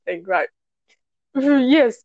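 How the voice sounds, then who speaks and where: Giggly high-voiced woman guest. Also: animated, very slow, dry recording, highs cut off. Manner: self-deprecating, giggly. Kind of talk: casual chat.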